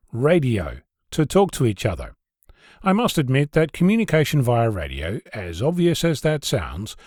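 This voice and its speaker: The host of an amateur radio podcast reads a scripted spoken essay as narration, keeping it conversational and dropping in wry asides. He's a man with a medium-pitched, darkish voice, recorded in a clean studio with no room sound.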